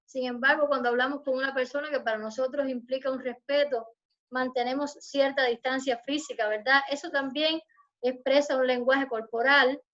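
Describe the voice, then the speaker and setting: A woman lecturer giving an online university class, explaining in a measured way and addressing her students formally. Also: high-pitched, fairly bright tone, muffled recording. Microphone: video call.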